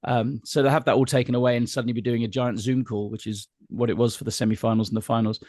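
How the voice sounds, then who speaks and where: A man's voice: mid-range voice, level tone, quick pace, darkish tone, no room sound, clean studio sound. A middle-aged man, a guest entertainer chatting casually and telling anecdotes in an interview.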